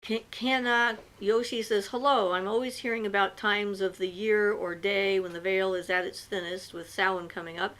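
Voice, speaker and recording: A woman's voice: medium pitch, steady tone, normal speed, few pauses, a bit bright, low-quality recording. A woman hosting a livestream, reading out viewers' questions and answering them in a loose, chatty way with many fillers. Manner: reads viewer comments aloud, then answers at length with fillers. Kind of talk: casual livestream chat.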